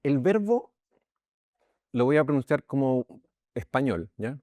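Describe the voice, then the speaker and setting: In an informal Bible class, a Chilean pastor talks conversationally, often checking in with listeners, restarting sentences and repeating words. His mid-range voice is a little slow and a little mellow, with big pitch swings, recorded dry.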